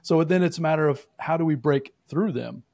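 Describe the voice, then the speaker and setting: A man's voice: on the high side, a little fast, creaky, a little mellow, no room sound, studio quality. A man co-hosting a podcast, asking his co-host probing, leading questions in a casual conversational way with frequent restarts.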